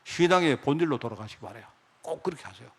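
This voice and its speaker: Lively pastor, animated sermon. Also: male voice, medium pitch, quick pace, husky. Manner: lively, conversational preaching with rhetorical questions to the congregation; acts out God's and others' speech in quoted lines.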